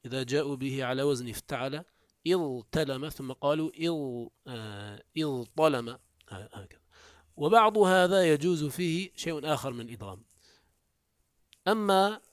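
A man teaching a classical grammar lesson, explaining step by step, asking and answering his own questions and slowly repeating words to drill them. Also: mid-range voice, no echo, studio quality. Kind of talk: classical Arabic morphology lesson.

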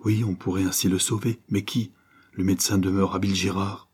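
A man voicing a composed gentleman who gives firm, commanding orders in an audiobook. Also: deep voice, flat delivery, a little fast, breathy edge. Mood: hushed.

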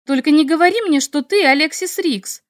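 A woman's voice: sits high, expressive, moderate pace. A woman voicing a hot-tempered young empress with lightning powers in a first-person audiobook, raising her voice with indignation. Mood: angry. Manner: fiery, indignant. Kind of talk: audiobook character reading.

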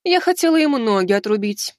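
A man reading an audiobook, putting on a high voice for a savage, foul-mouthed old grandmother. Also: expressive, fast, dry recording, studio quality. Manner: bloodthirsty, coarse.

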